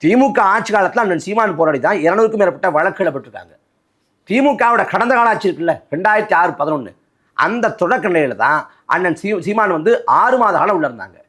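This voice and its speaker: Male party spokesman, fairly high voice, very lively pitch, combative and rhetorical in a political interview. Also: fast. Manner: forceful, rhetorical, repeats phrases for emphasis.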